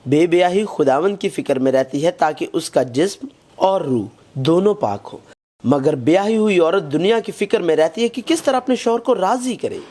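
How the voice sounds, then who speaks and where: A man reading a scripted Bible lesson in a measured, even way, quoting scripture as he goes. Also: on the high side. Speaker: Bible study narrator.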